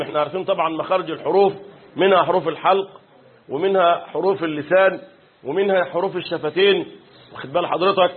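Over a lo-fi, phone-like recording, a man's high, breathy-edged voice carries an Egyptian Arabic accent as he teaches Quran commentary. He recites verses in a chanted style and tests students with rhetorical questions.

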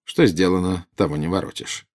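A man playing a cold, insinuating male double agent in an audiobook, speaking in a measured, condescending way. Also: deep voice, steady tone, a little mellow, close to an everyday voice. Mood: cold, silky.

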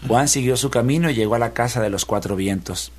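A man reads an old folk tale aloud in a radio studio. His pitch sits in the middle, and his telling is unhurried and folksy, turned toward the listeners. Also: a little mellow, slightly rough. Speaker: radio storyteller. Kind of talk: storytelling reading aloud.

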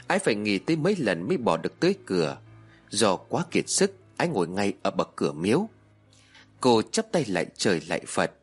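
A man narrating a horror story in a dramatic, expressive reading. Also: fairly low pitch, breathy edge. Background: soft music.

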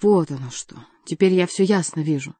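A woman reading an audiobook voices a furious, hot-tempered male count who shouts his threats. Dry, close recording. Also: lowish voice, normal speed, slightly rough, no room sound.

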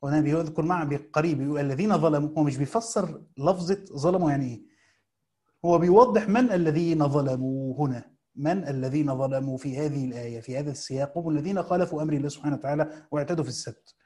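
Teaching Quran commentary in an Egyptian Arabic accent, this man reads each passage slowly before unpacking it in fast, colloquial asides. His voice is a little high and warm.

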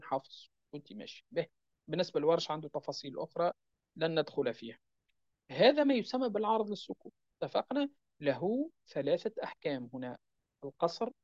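A man teaching the rules of Quran recitation step by step, checking with his listeners and chanting the verse examples slowly. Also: on the high side, a little mellow, no room sound. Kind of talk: religious lesson explaining recitation rules. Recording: dull, dry lo-fi recording.

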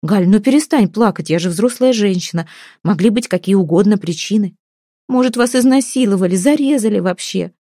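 A woman reading a storybook, voicing a tearful, anxious housekeeper in a high, sobbing voice. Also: steady tone, normal speed, creaky, hardly any pauses, warm tone, no echo, clean studio sound. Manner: sobbing, high-pitched pleading.

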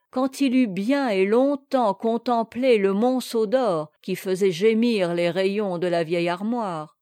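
A woman reading a classic tale aloud in a measured, expressive way. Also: a little high, dry recording, studio quality. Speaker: audiobook narrator. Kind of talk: storybook reading.

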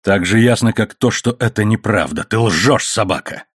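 A man reading the part of a grim, furious English gentleman held in chains, bitter and accusing. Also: on the low side, moderate pace, husky, dry recording, studio quality. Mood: angry.

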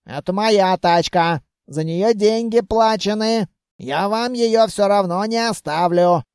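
A reader voicing a crafty, stubborn, plump male trickster who haggles and grumbles loudly, in an audiobook. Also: medium pitch, slow, clear, resonant tone, no echo, clean studio sound. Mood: quarrelsome. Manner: loud haggling, grumbling and scheming. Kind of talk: audiobook reading.

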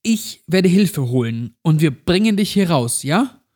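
A man's voice: fairly high pitch, sing-song, a little slow, darkish tone, slightly rough, voice pushed up, heavily acted. A man voicing the frightened protagonist of a horror story, pleading and shaken. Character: terrified adult man trapped in a nightmare.

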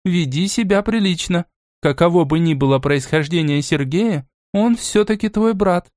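A man voicing a stern, aristocratic old grandmother in an audiobook, speaking in a measured, cool and commanding way. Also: sits high, a little mellow, dry recording, clean studio sound, pitched above the performer's own voice, close to an everyday voice.

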